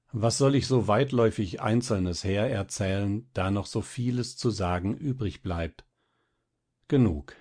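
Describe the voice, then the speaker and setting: A man reads a classic tale aloud as an audiobook narrator. His delivery is expressive and dramatically paced. He has a low, husky voice. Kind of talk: literary audiobook reading.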